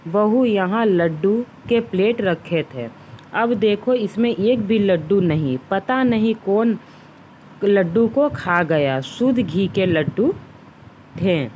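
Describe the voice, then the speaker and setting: A woman's voice: mid-range voice, animated, slow, darkish tone, a little hiss or hum, low-quality recording. A woman doing a stern old mother-in-law. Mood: upset. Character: stern elderly mother-in-law, a scolding matriarch.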